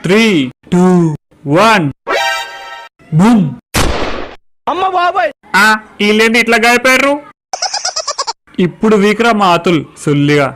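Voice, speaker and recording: Man, high voice, rapid talk, brash swearing, comic skit. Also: background noise. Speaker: comedy skit performer. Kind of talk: crude comic skit dialogue.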